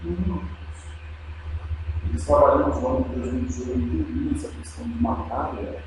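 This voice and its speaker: A man with a Brazilian Portuguese accent preaching a Sunday sermon, emphatic and swinging from quiet to loud, calling his listeners brothers and dear ones. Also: medium pitch, huge pitch swings, quick pace. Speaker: pastor. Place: church sanctuary. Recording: very echoey church with noise.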